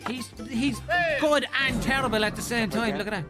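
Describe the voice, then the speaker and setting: A man's voice: very high voice, moderate pace. A British man trading dry, sarcastic quips as co-commentator on a comedy game show. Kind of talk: jokey voice-over commentary. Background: loud music.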